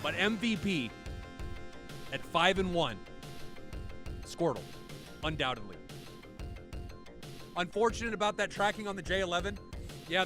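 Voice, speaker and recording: A man calling a match live as a caster, quick and excitable, shouting at the big moments. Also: sits high. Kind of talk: live play-by-play commentary. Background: music.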